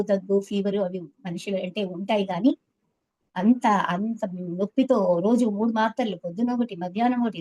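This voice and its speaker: Woman, 70s, earnest testimony, storytelling to an interviewer, mid-pitched voice. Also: a little mellow, poor audio. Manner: earnest storytelling, quoting others with feeling. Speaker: meditation teacher.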